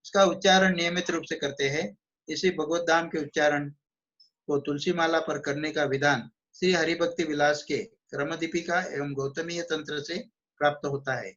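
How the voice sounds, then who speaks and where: A man reading a devotional book aloud and explaining it in his own words, with slow recited verses and small restarts. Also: fairly high pitch, fairly even intonation, a bit bright, dull audio. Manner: chants Sanskrit verses in a slow measured recitation. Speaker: devotional book reader and teacher.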